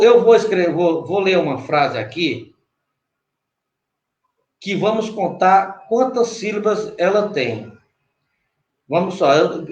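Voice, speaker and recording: Heard through a video call with roomy echo and the highs cut off, a Brazilian man with a high-sitting voice teaches cordel poetry online. He moves step by step, patiently, pausing often to check in with his guest.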